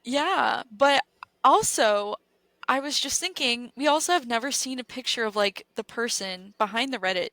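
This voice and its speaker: Young woman podcast co-host, casual chat, bright and slightly high voice, dry close mic, giggly and animated. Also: normal speed, dry recording, poor audio. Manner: animated, giggly, trails off mid-sentence.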